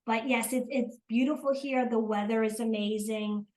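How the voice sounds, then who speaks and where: A woman's voice: fairly high pitch, steady tone, moderate pace, a little mellow, poor audio. An older woman from South Jersey with a South Jersey accent, chatting as an interview guest, hesitant with many ums and restarts. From South Jersey, USA. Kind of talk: casual interview chat.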